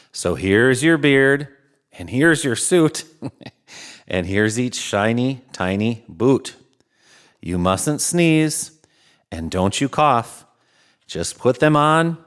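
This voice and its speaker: A man's voice: mid-range voice, clean tone. A man playing a jolly, kindly old Santa Claus who reads to young children in an eager, emphatic storybook manner. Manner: exclaiming, chuckling, drawn-out emphatic phrasing. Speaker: host of a children's read-aloud show.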